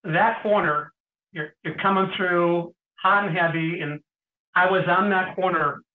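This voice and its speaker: A middle-aged man, an interview guest, tells stories in a casual way, often clearing his throat and pausing with fillers. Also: high-pitched, fairly even intonation. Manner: anecdotal, frequent throat clearing and hesitant fillers. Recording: tinny phone-like sound.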